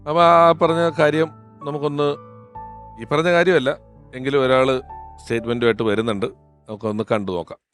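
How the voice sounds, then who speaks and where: A man hosts a chat show, asking questions and delivering formal, flowing introductions. His voice is mid-pitched and even, and faint music plays behind him. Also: a little fast, long pauses. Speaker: host.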